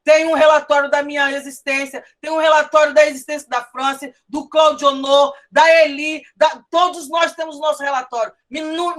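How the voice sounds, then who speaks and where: A woman's voice: high-pitched, fairly bright tone. A woman with a Brazilian Portuguese accent preaching a sermon, telling a story with emphatic, often raised delivery. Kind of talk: sermon with testimony.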